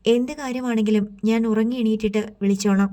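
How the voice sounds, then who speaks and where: Storybook figure: a sleepy, curt young man, read by a woman narrator, mellow and level. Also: on the high side, fairly even intonation, fast talker, natural voice. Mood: irritable. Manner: short, sulky replies.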